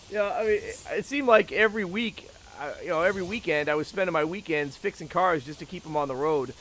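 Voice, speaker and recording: A man's voice: on the high side, a bit bright, a little hiss or hum. A man chatting casually and talkatively, with joking asides, as he shows off things. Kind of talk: casual chat about tools.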